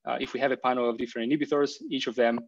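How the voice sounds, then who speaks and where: A man's voice: medium pitch, level tone, very fast, muffled recording. A man in his thirties giving an academic presentation over a video call, captured as screen-recorded audio, talking hesitantly with many ums and restarts. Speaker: invited research speaker. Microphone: computer mic on a video call.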